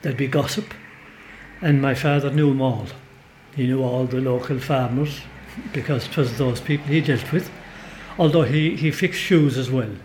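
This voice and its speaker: Sitting in the back of a pub as an interview guest, this older Kerry man from Ireland, a folklorist and storyteller, spins rambling, emphatic tales in an easygoing way. He speaks at normal speed with a medium, steady, somewhat dark voice. Slight background noise is audible.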